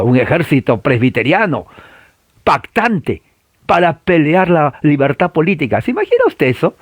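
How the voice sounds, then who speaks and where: In a dry recording, a medium-pitched man teaches church history, hammering key points through repetition and having listeners echo him. His speech is full of "eh" fillers and "¿no?" tag questions.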